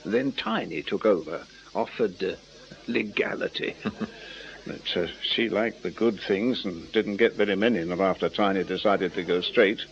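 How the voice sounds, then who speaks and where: In a muffled radio crime drama recording, an actor with a low, creaky voice plays a shrewd ex-music-hall memory man. He sounds coaxing and slyly patient, teasing his way through each line with deliberate care.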